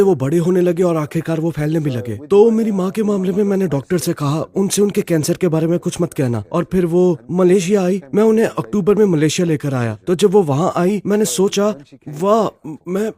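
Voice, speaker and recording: A man's voice: fairly high pitch, warm tone. A middle-aged man giving an earnest, heartfelt personal testimony as an interview guest, often checking in with the listener.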